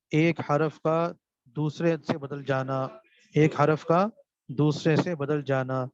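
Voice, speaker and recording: A man's voice: on the high side, no echo. A man teaching a seminary class, putting questions to his students and answering them himself while repeating key terms. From Pakistan. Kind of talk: classroom lecture on Quran recitation. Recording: dull dry lo-fi recording.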